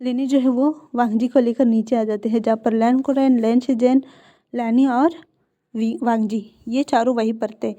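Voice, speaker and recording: Woman storyteller retelling fan fiction; plain and steady, mellow dark tone, muffled recording. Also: a little high, normal speed.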